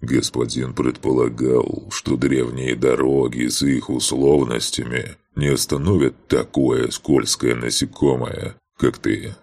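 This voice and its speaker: A man voicing an ancient male monster who serves a dark god, deep and gravelly, sneering, with a booming echo like a stone cathedral. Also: flat delivery, exaggerated voice. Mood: mocking. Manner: slow, sneering and contemptuous. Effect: booming cathedral-like echo under stone vaults. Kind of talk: audiobook character voicing.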